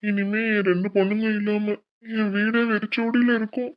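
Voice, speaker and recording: A gentle, choked-up father speaks softly in a cartoon, voiced by a woman. His voice sits in an ordinary middle range. He sounds tender and sad. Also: medium pitch, level tone, moderate pace, highs cut off, natural voice. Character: tearful middle-aged father seeing off daughter. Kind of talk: cartoon voice acting.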